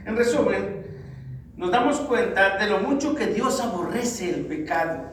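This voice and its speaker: A man preaching a sermon to the congregation, calling them brothers, swinging from loud exhortation to low, grave tones. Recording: very echoey hall, distant mic, faint noise.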